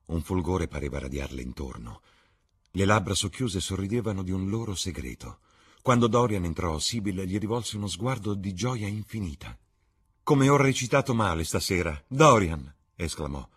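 A man reading a classic novel aloud in an expressive, theatrical way. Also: low-pitched, normal speed, breathy edge. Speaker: reader. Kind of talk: audiobook narration.

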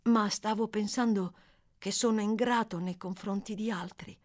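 A woman voicing a young orphan boy, polite, eager and gentle, in a raised childlike voice. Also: medium pitch, steady tone, normal speed, voice pushed up, lightly acted.

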